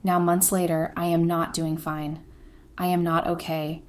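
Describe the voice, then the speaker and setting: Woman, lower voice, scripted first-person narration, steady even reading, flat confessional tone. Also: a little slow. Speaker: storyteller.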